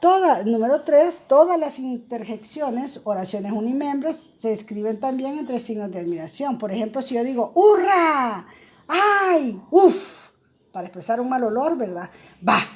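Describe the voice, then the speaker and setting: Mellow-voiced woman teaching a lesson. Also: a little high, lively intonation, moderate pace, few pauses. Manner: explanatory, many fillers and tag questions. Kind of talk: recorded grammar lesson.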